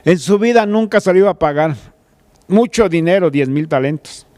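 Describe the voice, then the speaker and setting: High-voiced man preaching a sermon. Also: lively intonation, moderate pace, a little mellow. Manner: preaches conversationally, retelling a scripture story with quoted pleas; addresses listener directly as "tú". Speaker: pastor.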